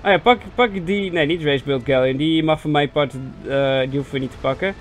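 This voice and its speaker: A young Dutch man giving casual, self-mocking commentary on a strategy game, chatty with sudden excited yelps. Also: on the high side, a little fast. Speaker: gaming video host. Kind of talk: casual let's-play commentary. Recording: faint game music behind voice.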